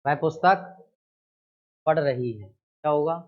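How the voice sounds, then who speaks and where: A male teacher giving an exam-prep grammar lesson, asking questions and then answering them himself, with key words stressed loudly. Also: fairly high pitch, measured pace, dull audio.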